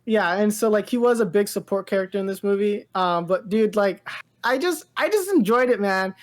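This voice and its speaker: On a casual pop-culture podcast, a female co-host rambles enthusiastically and gushes, leaning heavily on "like" and "dude." Her mid-range voice has lively intonation and moves at a normal speed.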